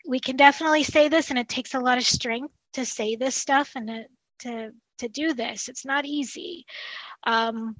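Woman guest, earnest conversational tone, higher pitch, dry close sound. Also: fairly even intonation, moderate pace, fairly bright tone, no room sound, low-quality recording. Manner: earnest, frequent "you know" and restarts. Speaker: podcast guest, dietitian. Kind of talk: casual conversational interview.

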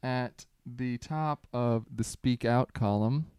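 A man's voice: medium pitch, slow pace, darkish tone, smooth, no room sound, clean studio sound. A man co-hosting a casual comedy podcast, speaking sarcastically and with mock exasperation. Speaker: podcast co-host.

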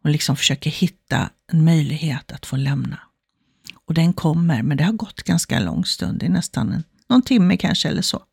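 Woman talking self-help, tells a little story and does the inner thoughts, lowish husky voice. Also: animated, a little mellow, no echo, clean studio sound. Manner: acts out inner thoughts in quoted asides. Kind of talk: storytelling example talk.

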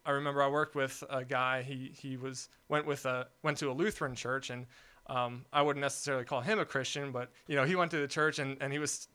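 A man's voice: mid-range voice, steady tone, fairly quick, sharp tone, smooth. A young man talking casually in a discussion, rambling with many fillers and restarts. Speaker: podcast guest.

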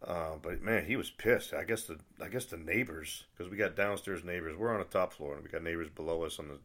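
A middle-aged man with a very low, deep voice, chatting on his own in a loose monologue. He rambles and restarts often and sounds exasperated as he vents. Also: brisk, fairly bright tone. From United States. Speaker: vlogger. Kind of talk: casual monologue to camera.

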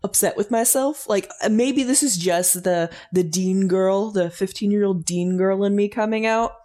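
A young woman in casual fan chat, rambling through recaps with wry humor and frequent laughter. Her voice sits at an ordinary middle pitch. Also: normal speed, warm tone.

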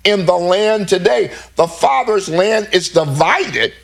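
A man with a fairly high voice teaches scripture. He is emphatic and repeats phrases as he reads verses aloud and then explains them. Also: animated, takes it slowly, vocal fry. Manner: emphatic, repeats himself while reading verses.

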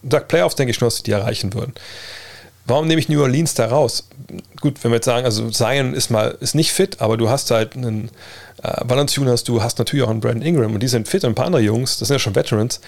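A man's voice: mid-range voice, a little mellow. A man chatting casually as a livestream host, answering viewers in a colloquial way peppered with English slang and sports terms. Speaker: livestream host and basketball podcaster. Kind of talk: casual livestream chat answering viewer questions about basketball.

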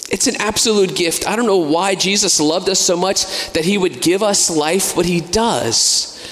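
A man's voice: sits high, moderate pace, fairly bright tone. An American man preaching a sermon in a conversational way, with casual asides and fillers. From United States. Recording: long hall reverb.

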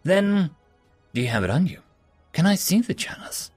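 A man voicing a curious, probing woman innkeeper in a story, asking in an inquisitive, halting way. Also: high-pitched, sing-song, darkish tone, husky, no echo, faint music behind, voice pushed up, heavily acted.

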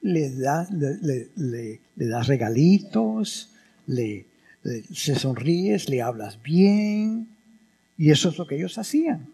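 Male priest, sermon with rhetorical questions; husky, unhurried delivery. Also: on the high side. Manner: animated, teaching with rhetorical questions. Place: church. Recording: reverberant church hall.

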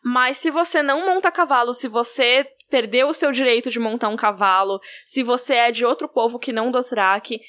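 A woman co-hosting a casual book-discussion podcast, retelling scenes in an animated storytelling way. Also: a little high, a little fast, few pauses. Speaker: podcast co-host.

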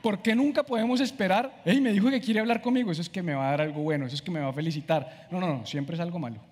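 A man's voice: high voice, fast, slightly rough, big-room sound. A man preaching a conversational sermon, acting out how he talks to himself. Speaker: pastor.

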